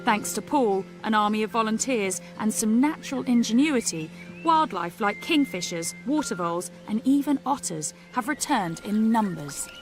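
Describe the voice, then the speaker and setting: A woman narrates a scripted documentary report in a fairly high voice. Music is clearly heard underneath. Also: lively intonation, normal speed.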